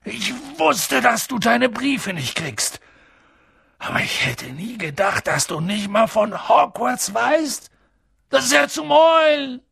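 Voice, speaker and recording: A man reads out a huge, gruff giant whose voice jumps high and wild as he bellows in outrage. The sound is gravelly and husky, recorded close and dry, with no room around it. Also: animated, takes it slowly, fairly bright tone, no echo, heavily acted. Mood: indignant. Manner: booming, bellowing outbursts. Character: huge gruff male giant, booming, quick-tempered. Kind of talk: audiobook character voice.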